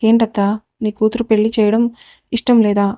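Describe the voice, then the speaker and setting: A woman's voice: fairly high pitch, flat delivery, fairly quick, dry recording, highs cut off, lightly acted. A woman reading the lines of a domineering young man who speaks coldly and makes threats, in a Telugu audio story. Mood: menacing. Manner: cold, commanding and quietly threatening.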